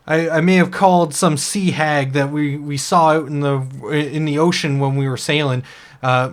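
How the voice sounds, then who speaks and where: A man's voice: a little high, fairly bright tone. Man doing a grumpy cursed orc oyster. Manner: gruff, indignant, blustering.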